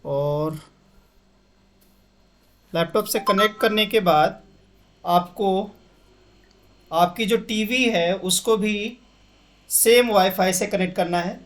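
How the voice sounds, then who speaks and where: A young man with a high, slightly bright voice takes it slowly and pauses often while hosting a casual screen-share tutorial. Step by step, he walks viewers through settings and works English terms into his explanations.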